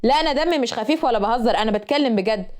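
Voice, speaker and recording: A woman's voice: fairly high pitch, expressive, racing, darkish tone, natural voice. A woman voicing a smug young male university lecturer with an Egyptian accent. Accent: Egyptian Arabic. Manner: smug, matter-of-fact.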